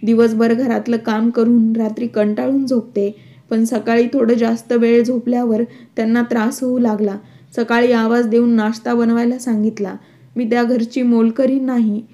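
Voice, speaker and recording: A woman's voice: a little high, level tone, moderate pace, dark tone, natural voice. Woman reading as Sunita, a defiant young wife. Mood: tearful. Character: angry young married woman, quick-tempered and defiant.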